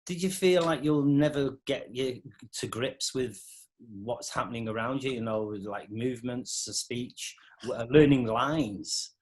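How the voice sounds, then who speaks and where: Halting man asking interview questions. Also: mid-range voice, poor audio. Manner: halting, restarts questions, encouraging. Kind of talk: casual interview.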